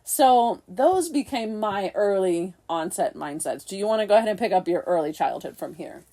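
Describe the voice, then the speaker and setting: A woman co-hosting a podcast, telling a candid personal story in a soft, halting, reflective way with frequent restarts. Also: mid-range voice, expressive. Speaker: podcast co-host.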